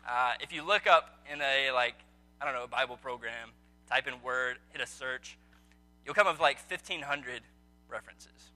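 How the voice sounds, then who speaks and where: At a medium pitch and normal speed, this man's sharp-toned voice carries over soft background music. In a meeting room, he casually leads a small group through an evening Bible study, asking questions with frequent ums.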